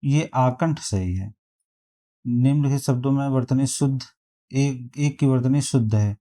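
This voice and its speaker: Slow, mellow-voiced male teacher. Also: mid-range voice. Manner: reads options aloud slowly, repeating words to compare. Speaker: exam prep teacher. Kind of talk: spelling quiz lesson.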